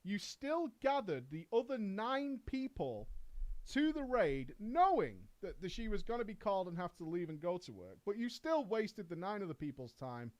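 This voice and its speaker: A high-voiced man on a stream speaks at normal speed in a sing-song way as he reads a viewer's story aloud. He laces his sarcastic reactions with frequent swearing and laughter.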